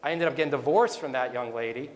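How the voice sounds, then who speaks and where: A man's voice: medium pitch, quick pace. A man in his forties giving a rambling, conversational personal testimony at a business leaders' event. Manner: conversational, rambling with restarts and asides. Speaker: speaker. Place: event hall. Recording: echoey hall with long reverb.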